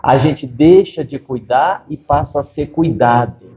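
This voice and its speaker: A man, a medium, speaking as a spirit doctor in a channeled interview, measured and given to dry humor. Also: medium pitch, mellow, echoey room, muffled recording.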